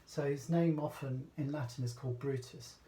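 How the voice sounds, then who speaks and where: A man's voice: medium pitch, fairly even intonation, normal speed, warm tone. A man from Britain giving a casual, rambling talk, full of hesitations and restarts. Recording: echoey room, voice from a distance.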